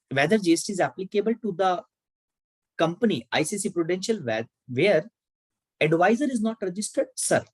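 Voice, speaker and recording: A man's voice: fairly high pitch, breathy edge, no room sound, rough recording. A man with an Indian English accent giving an online tax lecture, asking and answering his own questions and repeating key points. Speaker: tax educator.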